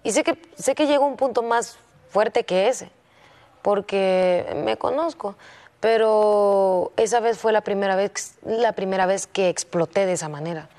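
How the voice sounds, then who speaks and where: A young woman speaks softly and haltingly as she confides in her teacher, often breaking off and starting a sentence again. Her pitch sits in the middle range for a woman. She sounds like a contestant opening up about something private. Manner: soft-spoken and hesitant, with many restarts. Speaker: singing competition contestant. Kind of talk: personal confession to a teacher.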